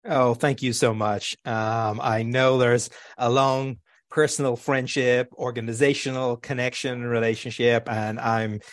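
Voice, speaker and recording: A man with a light Irish accent tinged with New York, giving halting, conversational answers as an interview guest. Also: mid-range voice, flat delivery, no echo, clean studio sound. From Ireland. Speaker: guest, executive of a community organization.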